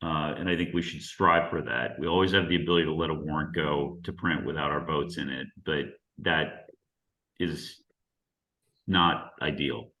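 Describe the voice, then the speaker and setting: Deep-voiced man chairing a meeting. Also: pushed and bright, roomy sound. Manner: halting, filler-heavy, procedural. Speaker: committee chair. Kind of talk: chairing a town committee meeting.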